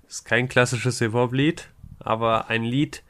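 A man's voice: mid-range voice, measured pace. A man co-hosting a podcast, chatting casually and rambling a little as he introduces a song. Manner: relaxed, rambling, self-correcting. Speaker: podcast co-host.

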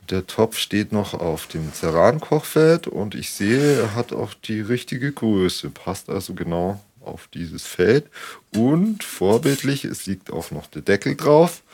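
A man with a low voice explains practical things as a consultant would on a home visit. His has a slight colouring, and he talks in a conversational, instructive way. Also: darkish tone, breathy edge. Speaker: energy consultant. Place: on location in a home kitchen.

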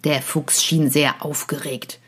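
Slow, calm woman narrating a story. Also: low voice, slightly rough. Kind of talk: reading a children's classic aloud.

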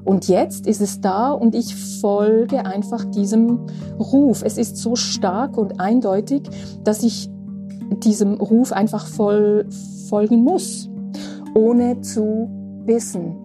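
A woman of nearly sixty, hosting a spiritual podcast, talking slowly and reflectively and often checking in with a soft "ja?". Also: mid-range voice, music in the background. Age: 50s. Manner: slow, reflective, with frequent asking "ja?". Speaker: podcast host.

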